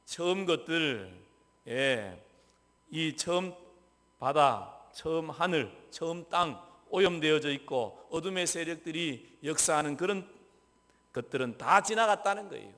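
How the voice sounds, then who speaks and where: Korean pastor guy, sermon, keeps asking the church questions then answering, goes loud then almost whispers, long church echo. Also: on the high side, expressive, a little slow. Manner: asks the congregation questions and answers them himself; swings between loud emphasis and soft, near-whispered asides. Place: church sanctuary. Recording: long reverb of a church hall.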